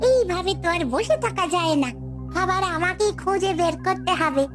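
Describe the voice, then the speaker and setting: Casting: greedy cartoon she-ghost, sneaky, piercingly high little voice, music behind. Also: normal speed. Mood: hungry scheming. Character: hungry, sneaky female ghost who eats raw ducks. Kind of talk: Bengali animated ghost story. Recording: music under the voice.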